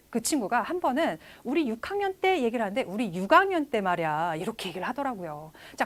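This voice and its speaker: Woman in her 30s teaching an online class, bouncy highish voice, keeps talking right to the viewers. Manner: lively, addresses viewers directly, starts phrases with a drawn-out "so". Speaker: English test instructor. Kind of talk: online lecture.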